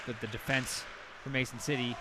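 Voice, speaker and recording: A man doing play-by-play commentary on a hockey game, with rapid calls that surge loud on goals. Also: medium pitch, level tone, crowd noise, noisy background. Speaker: play-by-play announcer.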